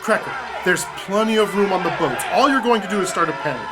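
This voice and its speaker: High-pitched, earnest chaplain. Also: male voice, expressive, quick pace, over a noisy crowd. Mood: urgent, firm. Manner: earnest, solemn, reassuring. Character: steady, compassionate male military chaplain. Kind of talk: audio drama acting. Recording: music behind the voice.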